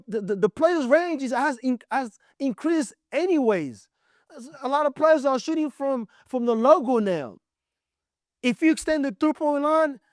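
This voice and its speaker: A sports commentator from Congo hosts a show, giving blunt, emphatic opinions on basketball. His voice is very high, and the studio sound is clean with no echo.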